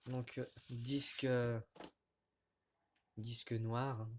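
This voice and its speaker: A man casually showing vinyl records to his camera, talking in a halting way with many fillers and restarts, recorded indoors at home. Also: mid-range voice, little pitch movement, slight background noise. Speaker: record collector vlogger. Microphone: camera mic at close range.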